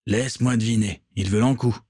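A man as a calm pirate captain. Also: lowish voice, fairly quick, husky, no room sound, clean studio sound, pitched above the performer's own voice. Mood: commanding. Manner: steady, commanding.

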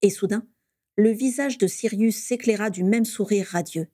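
Woman reading a story aloud, mellow warm tone, steady storytelling, dry close recording. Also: mid-range voice, normal speed, no echo. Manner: steady storytelling with voiced characters. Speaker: reader.

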